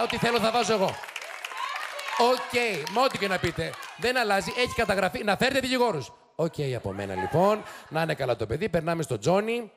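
A man's voice: sits high, vocal fry. A man hosting a TV show, giving teasing, sarcastic commentary to a studio audience. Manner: sarcastic, teasing, quick mocking asides. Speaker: TV show host. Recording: noisy studio with loud audience. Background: studio audience laughing and cheering.

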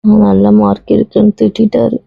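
A young woman playing a medical student who answers quietly and apologetically, in a web series drama. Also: mid-range voice, little pitch movement, a little fast, gravelly, slightly rough, no room sound, dull audio. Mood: upset. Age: young adult. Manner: subdued, apologetic. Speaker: actor.

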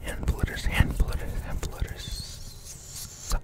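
Young guy doing fast aggressive asmr, all breathy whisper super close to the mic, repeats words over and over. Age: young adult. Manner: rapid repetition of single words and short phrases. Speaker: ASMR video creator. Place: small indoor room. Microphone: close-up condenser microphone.

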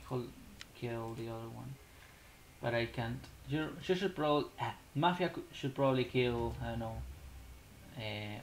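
Man, gravelly voice, unhurried rambling game commentary, mutters and restarts. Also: mid-range voice, slight background noise. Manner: rambling, muttering, frequent restarts, bursts of laughter. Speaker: gaming YouTuber. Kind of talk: casual gameplay commentary.

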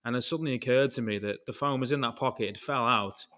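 Quick and fairly bright in tone, this medium-pitched British man is a concrete craftsman chatting as a podcast guest. He tells loose, wandering stories that jump between topics, dropping the occasional swear word.

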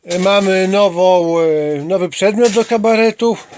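Speaking unhurriedly in a high voice with a darkish tone and fairly even intonation, an amateur host interviews a companion in his small home computer room. The casual chat is playfully mock-formal and sprinkled with slangy plugs for his channel, over slight background noise.

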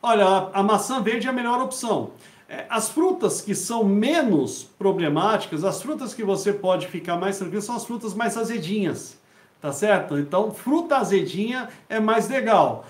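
A Brazilian man in his fifties speaks in a high-set voice for a man. He explains step by step, repeating himself and checking that he is understood. The room adds noticeable echo. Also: animated, normal speed. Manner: didactic, repetitive, with check-in tags. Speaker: health educator hosting a live Q&A. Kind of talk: informal explanatory talk answering questions. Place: small home study with bookshelves, indoors. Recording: echoey room.

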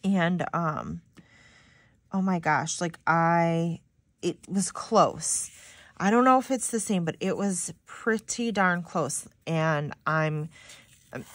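A young planner vlogger from Michigan decorates her planner and rambles casually to viewers, chatty and heavy on "like." She speaks slowly in a voice on the low side, slightly stuffy and nasal yet fairly bright in tone. The recording is dry.

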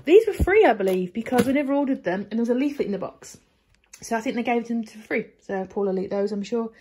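A woman's voice: fairly high pitch, lively intonation, quick pace, dark tone, slight background noise. A woman in her forties with an English accent, chatting casually through a grocery haul in her home kitchen, recorded on a phone camera held at arm's length. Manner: chatty and upbeat, many fillers and restarts. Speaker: vlogger.

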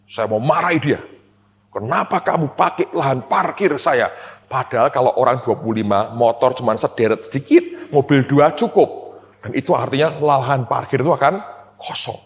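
A man preaching a sermon as a pastor, telling a personal story with loud, high bursts and laughing asides, then dropping quiet for serious moments. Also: fairly quick. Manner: drops to quiet, low tones for serious moments. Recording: long hall reverb.

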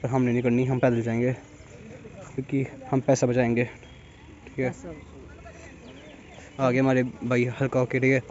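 A young man vlogging casually outdoors in a sanctuary, chatty and teasing, speaking softly because his throat is sore. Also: medium pitch, completely flat delivery, normal speed, long pauses, dull audio. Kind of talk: casual vlog narration.

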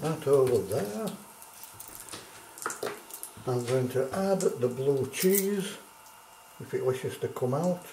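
A man chatting in a relaxed, unhurried way as he cooks and reviews food in his home kitchen, picked up by a camera across the stove. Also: mid-range voice, a little hiss or hum. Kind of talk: casual cooking vlog narration. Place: small home kitchen, indoors. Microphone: camera mic across the stove. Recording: echoey kitchen with loud frying sizzle.

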